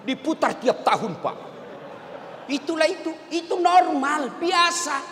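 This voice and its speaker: High-voiced, bright joking preacher man. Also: expressive, a little slow, in a large hall, slight background noise. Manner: jokey, addresses the men in the audience directly. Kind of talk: humorous sermon.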